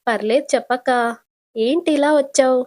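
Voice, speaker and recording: A woman's voice: high voice, normal speed, a little mellow, lightly acted. A woman voicing a cheerful young female hospital accountant who teases her older sister, in a casual serial retelling. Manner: teasing, affectionate.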